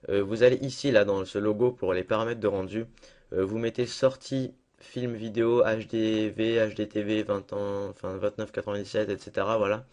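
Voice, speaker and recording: A young man talking through a casual screen-recorded software tutorial at his computer, chatty and self-deprecating, with lots of fillers. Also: on the low side, flat delivery, normal speed. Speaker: tutorial maker.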